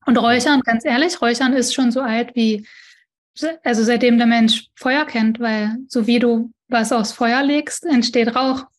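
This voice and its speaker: A woman's voice: on the high side, fairly even intonation, unhurried. A middle-aged woman from East Germany, a smoke-cleansing practitioner, explaining in casual chat and correcting herself often as she shows her tools. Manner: demonstrates objects while talking, frequent self-corrections.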